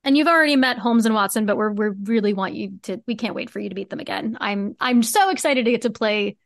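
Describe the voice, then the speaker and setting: A woman speaks fast in a fairly high voice, with clean studio sound and no room echo. She's guesting on a conversational podcast interview as co-creator of a fiction podcast, answering earnestly and reflectively at length.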